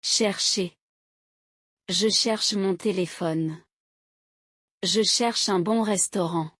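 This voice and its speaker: A woman reads short example sentences one at a time at a very slow, deliberate pace. Her delivery is steady and carefully articulated. She is recorded close and dry, with no room sound around her. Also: medium pitch, no echo. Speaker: language teacher reading example sentences.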